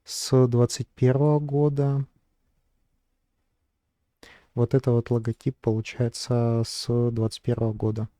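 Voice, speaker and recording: A man's voice: mid-range voice, flat delivery, measured pace, long pauses, dark tone, no room sound. A man narrating his screen as a vlogger, thinking aloud in a hesitant way with many fillers. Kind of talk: casual screen-recording narration.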